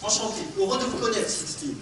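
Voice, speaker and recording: An actor on stage playing a courteous, apologetic man with Tourette's who suddenly shouts obscenities. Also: high voice, fairly quick, far from the mic, lightly acted. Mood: apologetic, polite. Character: polite middle-aged man with Tourette's blurting insults. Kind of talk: amateur stage play. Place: theatre stage. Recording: echoey hall miked from afar, background noise.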